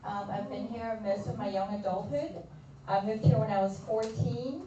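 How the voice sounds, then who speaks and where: Speaking to a community-room audience, this Polish-accented nurse practitioner from Poland keeps her health talk friendly and conversational, addressing listeners directly. She has a medium-pitched, dark voice at normal speed. A faint hiss or hum sits under a distant, roomy, somewhat dull sound.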